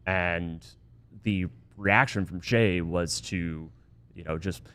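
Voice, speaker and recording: A man's voice: sits low, takes it slowly, pushed and bright. A man co-hosting a sports podcast, giving thoughtful analysis and often stammering and restarting his words. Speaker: podcast co-host.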